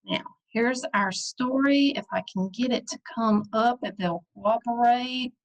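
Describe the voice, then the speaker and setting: Slow-speaking woman art teacher. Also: fairly high pitch, poor audio. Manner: patient, explanatory, talks in short added phrases. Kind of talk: classroom lesson explaining artworks.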